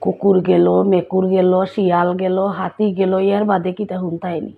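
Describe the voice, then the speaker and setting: Woman, Sylheti accent, husky gravelly voice, chatty vlog talk. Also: fairly low pitch, little pitch movement, normal speed. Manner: chatty, asks listeners if they follow. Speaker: vlogger. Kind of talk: casual vlog chat. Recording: tinny phone-like sound.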